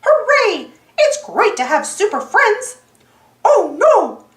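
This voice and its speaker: A woman plays a cheerful little cartoon mouse hero, very high and eager. He exclaims his way through a storybook adventure with wildly swinging pitch, in a roomy echo. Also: big pitch swings, slow, fairly bright tone, exaggerated voice. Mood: upbeat.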